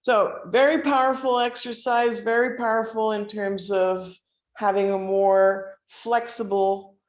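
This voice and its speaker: A woman instructor giving an informal guided relaxation lesson, speaking haltingly with many pauses. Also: mid-range voice, fairly even intonation. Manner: halting, hesitant, with frequent pauses and throat clearing. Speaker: instructor leading a breathing exercise. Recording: roomy, echoing sound.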